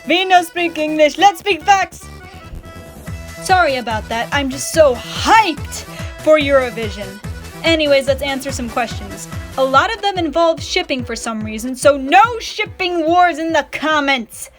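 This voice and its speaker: A woman's voice: high voice, lively intonation, a little slow, soft background music. A woman hosting a casual question-and-answer vlog, chatty and teasing with dry, sarcastic asides. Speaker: channel host answering fan questions.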